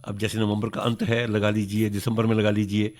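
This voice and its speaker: A man's voice: lowish voice, monotone, a little fast, a little mellow. North Indian man giving instructive advice. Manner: courteous, instructive, repeats key points. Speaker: agriculture expert. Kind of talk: phone-in advice.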